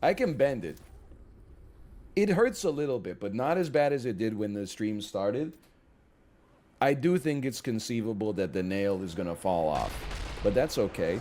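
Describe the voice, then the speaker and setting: A man's voice: fairly low pitch, lively intonation, moderate pace, a little mellow. A man in his thirties chatting casually on a live stream, telling rambling, self-mocking stories to his viewers.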